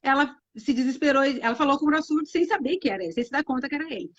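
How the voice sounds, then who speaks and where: A woman's voice: high-pitched, expressive, very fast. A woman co-hosting a live religious talk, speaking reflectively with many fillers and restarts. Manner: reflective, many fillers and restarts, retells hadith with acted quotes. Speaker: co-host of Islamic live talk. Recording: muffled live-stream audio.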